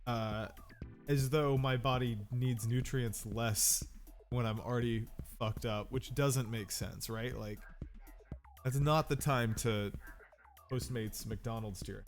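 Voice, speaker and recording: A man's voice: mid-range voice, steady tone, slow, faint music behind. A sick man with a nasal, stuffed-up voice, rambling casually and self-deprecatingly while livestreaming a game, a little profane. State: sick with a cold. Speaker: game streamer.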